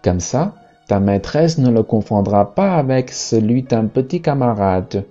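Guy doing a doting old gorilla granny from a storybook, soft and mellow. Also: medium pitch, lively intonation, a little slow, dull audio, faint music behind. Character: loving old gorilla grandmother.

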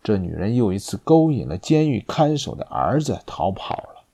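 Storybook executioner, deep and solemn, accusing, read by a male narrator. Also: big pitch swings, vocal fry, dark tone, breathy edge, full character voice. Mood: grim. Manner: low, slow and solemn. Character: grim avenging executioner, older man.

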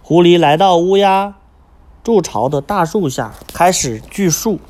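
A man reading a children's picture book aloud, pausing to ask his young listeners questions. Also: high voice, animated, darkish tone. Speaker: storyteller.

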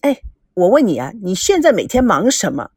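A woman's voice: medium pitch, huge pitch swings, brisk, darkish tone, breathy edge, no echo, studio quality, exaggerated voice. A woman reading the lines of a bold young woman who scolds her friend in an audiobook story. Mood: scolding.

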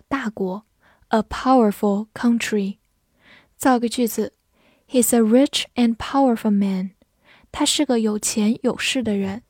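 A woman teaching English vocabulary in a scripted lesson, spelling words letter by letter and reading example sentences slowly. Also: on the high side, darkish tone, slightly rough, no echo.

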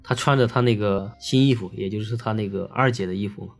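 A man's voice: lowish voice, fast. A man telling a ghost story in a chatty, casual way, full of fillers. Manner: chatty, filler-heavy, lively.

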